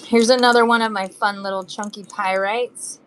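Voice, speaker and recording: In a live selling stream with slight background noise, a woman auction seller chats casually with buyers while showing beads and charms. Her mid-range voice is steady and her speed normal, though her throat sounds a bit phlegmy. She hums and sings to herself between items.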